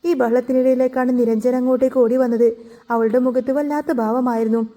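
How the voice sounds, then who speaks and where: A woman's voice: high voice, flat delivery, brisk, warm tone. A woman narrator reading a serial drama story evenly from a script.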